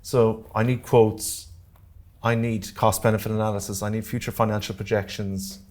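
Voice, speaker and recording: A man's voice: fairly low pitch, level tone, moderate pace, a little mellow. A man with an Irish accent presenting a grants workshop to a live audience, direct and practical, with joking asides and check-ins to make sure the room is following. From Ireland. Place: community centre meeting room.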